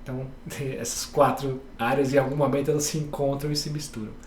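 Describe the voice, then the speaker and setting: A man from Bahia, a head and neck surgeon, calmly explaining his specialty step by step on a podcast. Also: medium pitch, fast, roomy sound, a little hiss or hum. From Bahia, Brazil. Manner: calm, explains step by step with plain examples.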